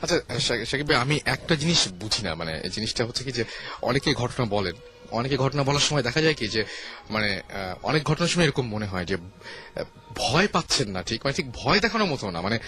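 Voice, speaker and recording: Bangladeshi man, horror radio host, clear bright tone, asks probing questions. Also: medium pitch, fairly quick. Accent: Bangladeshi Bengali. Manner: steady listener, prompts with short murmurs, asks probing questions. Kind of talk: horror call-in radio show.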